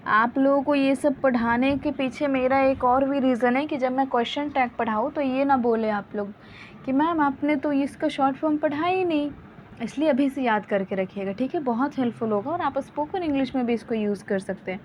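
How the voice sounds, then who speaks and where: A young woman teaching spoken English, explaining slowly and patiently and drilling example words again and again. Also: high voice. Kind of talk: bilingual grammar lesson. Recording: dull lo-fi audio with faint hiss.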